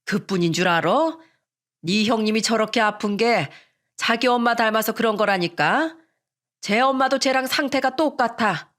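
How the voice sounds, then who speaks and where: Woman doing a shrill, scolding old mother-in-law. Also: moderate pace, fairly bright tone, lightly acted. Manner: shrill, nagging and scornful. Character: harsh older rural mother-in-law, scolding.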